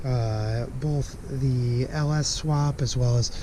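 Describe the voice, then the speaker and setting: Talking casually to a camera-mounted mic, a man whose hoarse voice is half gone rambles apologetically about a car project. His pitch is medium and his pace slow, and the vlog recording carries plenty of ambient noise.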